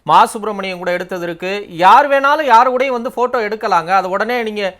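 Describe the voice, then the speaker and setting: A man's voice: high-pitched, quick pace, a bit bright. A man moderating a TV debate, challenging a guest with pointed questions. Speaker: TV debate anchor.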